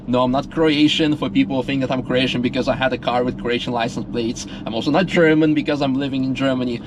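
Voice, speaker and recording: A man's voice: mid-range voice, fairly even intonation, quick pace, background noise. A man from Russia speaking earnestly in a casual, rambling monologue full of fillers and restarts. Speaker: vlogger.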